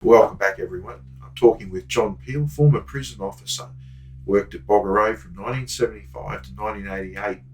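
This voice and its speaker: A man's voice: lowish voice, fairly quick, darkish tone, low-quality recording. An Australian man hosting an interview, prompting his guest with short questions and interjections. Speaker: podcast host. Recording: background music bed.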